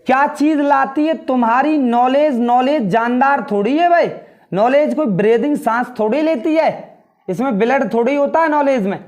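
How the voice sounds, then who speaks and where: A man teaching English grammar in Hindi, explaining step by step and repeating key words, saying the English sentences slowly. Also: very high voice, dull audio. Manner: often addresses students as brother. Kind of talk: classroom grammar lesson in Hindi.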